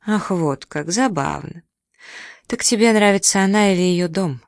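A reader voicing a sharp-tongued young woman who snorts and teases, in a storybook reading. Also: fairly low pitch, moderate pace, gravelly, no echo, studio quality, pitched above the performer's own voice. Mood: teasing. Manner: mocking, teasing.

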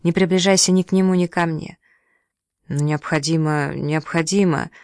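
An audiobook reader voicing a proud, sharp-tongued young woman who speaks with sarcasm and indignation. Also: sits low, steady tone, normal speed, no room sound, studio quality. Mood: furious. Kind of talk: audiobook dialogue.

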